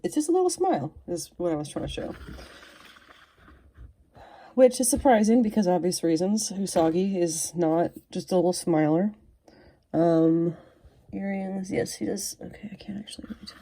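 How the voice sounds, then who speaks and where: Low, mellow-voiced woman reviewing a toy. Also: vocal fry, slight background noise. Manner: chatty, self-deprecating, drifts into whispers while fiddling. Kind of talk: casual unboxing chat.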